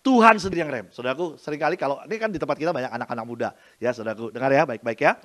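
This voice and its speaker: A middle-aged man preaching a sermon as pastor, going from soft asides to loud emphasis. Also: medium pitch, racing.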